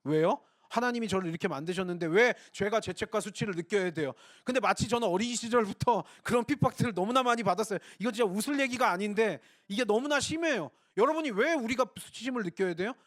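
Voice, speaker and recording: A man's voice: sits high, fast talker, few pauses, fairly bright tone, no room sound, studio quality. A man preaching a Sunday sermon, earnest, putting rhetorical questions to his congregation. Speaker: pastor.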